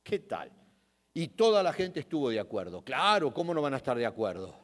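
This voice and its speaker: A man preaching a sermon, retelling a scripture story dramatically, swinging between loud emphasis and hushed asides. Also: medium pitch, big pitch swings, a little fast, big-room sound. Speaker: pastor. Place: church sanctuary.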